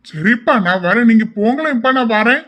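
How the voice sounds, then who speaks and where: A man's voice: very high-pitched, lively intonation, brisk, a bit bright, voice pushed up. [name], a man doing a cheeky young guy. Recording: slightly dull lo-fi audio.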